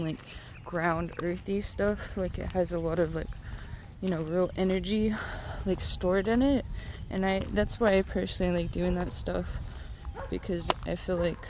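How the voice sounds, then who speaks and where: A stoned woman rambling casually and haltingly, with lots of filler "like"s, as she vlogs on a walk. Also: fairly low pitch, darkish tone, slight background noise, low-quality recording. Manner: rambling, halting, heavy use of "like". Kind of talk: casual rambling vlog talk. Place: outdoors, on a walk.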